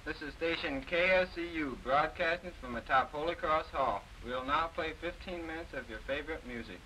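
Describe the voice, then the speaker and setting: A man's voice: on the high side, moderate pace. A man speaking as a student radio announcer with a formal announcer delivery, his voice carrying the sound of an AM radio broadcast. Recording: hissy old film sound, voice set back from the mic.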